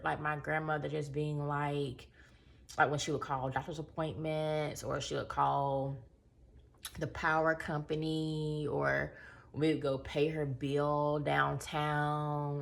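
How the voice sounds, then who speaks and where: Woman, 30s, low voice with a gravelly edge, casual book-review chat. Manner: storytelling, conversational with emphatic asides.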